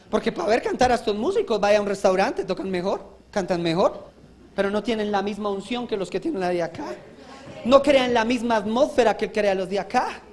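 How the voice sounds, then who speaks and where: A male pastor giving a live church sermon, fervent and exhorting, breaking into shouts and joking asides. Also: sits high. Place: church service.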